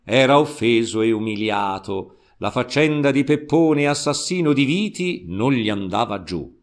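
Slow, expressive male storyteller. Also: medium pitch. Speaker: narrator. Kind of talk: live reading of a novel.

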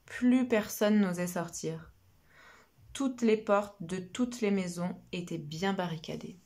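Slow, expressive woman storyteller. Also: lowish voice. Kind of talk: children's story reading.

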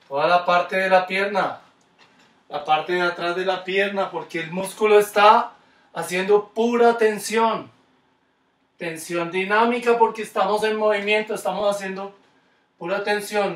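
A man's voice: sits high, fairly bright tone, roomy sound, far from the mic. A man with a Colombian Spanish accent teaching a kids' skating class online, coaching with encouraging, repeated cues. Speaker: skating instructor.

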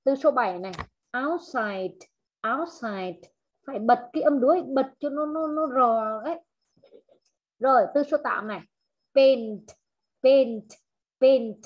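A woman English teacher in an online class, slowly modelling words, repeating them and correcting her students' pronunciation. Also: high voice, dull audio. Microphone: video call.

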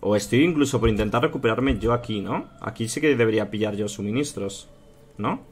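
A man with a Spanish accent from Spain giving casual commentary while playing a strategy game, chatting to his viewers and thinking out loud. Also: on the low side, a little fast, a little hiss or hum. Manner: chatty, thinks aloud, addresses viewers as "chicos" and "tío". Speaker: gaming youtuber.

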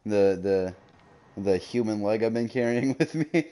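A man's voice: on the low side, unhurried, warm tone. A man streaming a game, chatting casually with a friend, joking crude and laughing often. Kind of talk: casual gaming chat.

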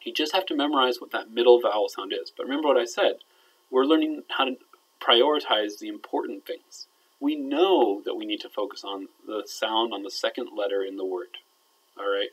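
This low-quality recording captures a male Arabic teacher explaining verb grammar in a lecture, his voice fairly low and fairly quick. He keeps asking "all right?" to make sure students follow, and his phrases drop away softly as they finish.

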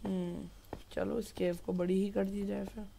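A man's voice: high voice, little pitch movement, moderate pace, creaky, warm tone, a little hiss or hum. A man giving casual gameplay commentary, chatty and apologetic, mixing English words into his talk. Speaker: gameplay youtuber.

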